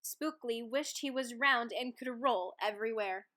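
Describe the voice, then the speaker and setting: Expressive and dramatic on key words, a woman reads a rhyming children's picture book aloud as a storybook reader. Her voice is on the high side with a fairly bright tone, and her pace is moderate.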